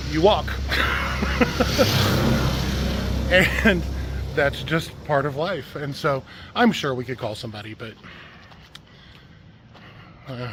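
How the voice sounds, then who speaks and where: A man walks and talks through a town at night, filming himself with a handheld camera in a casual vlog. He speaks in a slightly high voice, chatty and self-amused, and he is a little short of breath from the walk. Traffic and street noise stay clear behind him. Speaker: vlogger.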